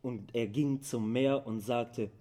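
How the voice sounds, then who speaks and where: A man's voice: medium pitch, steady tone, takes it slowly, warm tone. A man narrating a fairy tale in casual youth slang.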